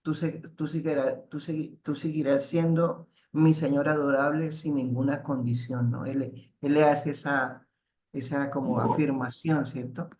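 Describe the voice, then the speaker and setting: A man teaching a spiritual class, halting and restarting, ending phrases with tag questions. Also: fairly high pitch, flat delivery, a little mellow. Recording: roomy echo.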